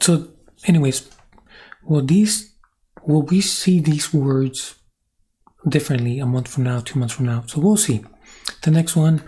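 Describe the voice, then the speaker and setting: A channel host whose first language is Spanish thinks aloud in a reflective, rambling monologue, full of restarts and questions aimed at the viewer. His voice is a little high, warm, and breathy at the edges.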